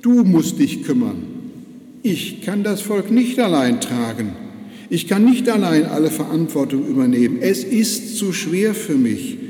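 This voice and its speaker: An older pastor voicing a despairing, weary old prophet in a low, slow lament, in an echoey church. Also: male voice, big pitch swings, dark tone.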